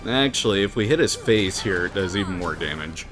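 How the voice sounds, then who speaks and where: Man, low voice, animated pitch, casual joking game commentary. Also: a little fast, music in the background. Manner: laid-back, jokey, laughs often. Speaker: game streamer. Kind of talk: casual let's-play commentary.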